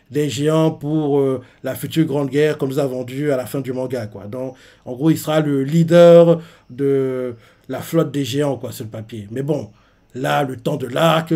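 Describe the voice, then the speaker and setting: A man's voice: a little high, dark tone. A man recapping and reacting to a manga chapter in a casual live stream, rambling with many fillers. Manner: rambling, full of fillers like "en gros" and "quoi".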